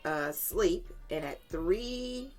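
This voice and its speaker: A woman's voice: lowish voice, very slow, soft background music. A woman, a podcast guest telling a family story in candid conversation, acting out quoted voices. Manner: animated, acts out quoted voices with swearing and laughter.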